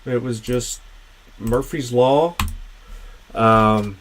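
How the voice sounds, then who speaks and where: A man's voice: mid-range voice, extremely slow, slight background noise. A man hosting his own channel's livestream, talking in a casual, meandering, unscripted way. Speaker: channel host.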